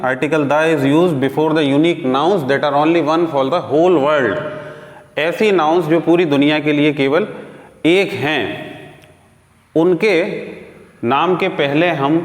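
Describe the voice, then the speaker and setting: Slow-teaching man in an echoey room. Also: on the high side. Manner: slow, drawn-out teaching delivery with repeated examples. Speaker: English teacher. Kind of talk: grammar lesson. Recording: echoey room with long reverb.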